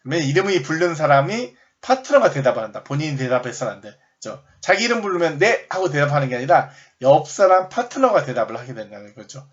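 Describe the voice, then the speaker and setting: A man teaching recreation games in a recorded lecture, explaining step by step, rephrasing often and shouting sample game calls. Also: fairly high pitch, highs cut off. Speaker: recreation instructor.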